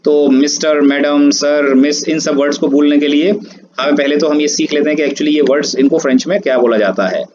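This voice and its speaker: A man's voice: on the high side, a little fast. A man teaches a screen-based language lesson, spelling words out letter by letter and drawing out pronunciations. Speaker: French teacher. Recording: dull lo-fi audio, steady background noise.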